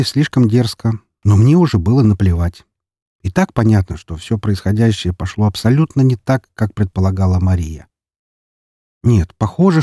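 A man narrating a first-person audiobook in a dry, even storytelling manner. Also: lowish voice, dry recording.

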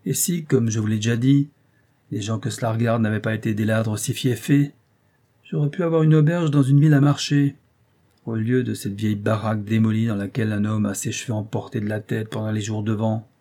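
A man reading an audiobook aloud, voicing a surly, bitter male innkeeper who grumbles and complains in a raised voice, husky and dark. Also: fairly low pitch, steady tone, fairly quick, lightly acted. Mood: grumbling.

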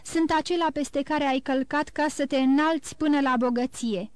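A woman's voice: sits high, no echo, close to an everyday voice. A woman voicing a vengeful male count who speaks in a somber, solemn way, in an audiobook. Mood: accusing. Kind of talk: audiobook reading.

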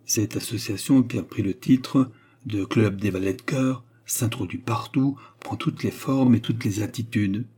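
A man reading a classic novel aloud in steady, measured audiobook narration. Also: fairly low pitch, husky.

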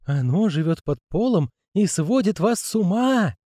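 Very high shrill old woman, put on by a man, mellow tone, dry close sound. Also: lively intonation, a little slow, no room sound. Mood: eager. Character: eager odd old woman, also a tense young lad.

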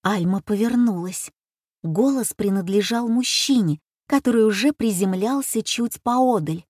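A woman's voice: medium pitch, a little slow, a little mellow, husky, no room sound, clean studio sound. A woman reading an audiobook as its narrator.

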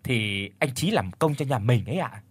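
A man putting on a shrill spoiled village daughter. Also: lively intonation, moderate pace, breathy edge, no echo. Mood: coy. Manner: shrill, demanding, cold. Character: spoiled wicked young village woman.

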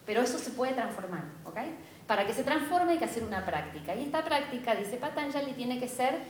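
A woman's voice: fairly high pitch, animated, a little fast, slight background noise. Woman, Rioplatense accent, spiritual teacher, class lecture, engaging, echoey classroom. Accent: Rioplatense Spanish. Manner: engaging, often checks in with the group. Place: classroom with students present. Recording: echoey room.

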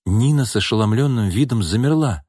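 A man narrating an audiobook in an expressive, lively reading style on a close studio mic. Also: mid-range voice, fairly quick, breathy edge, no room sound.

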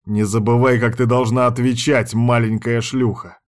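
A gruff, dominant young man who barks orders, as read by a male narrator. His voice is mid-pitched and commanding, in a plain audiobook reading. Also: flat delivery, normal speed, natural voice.

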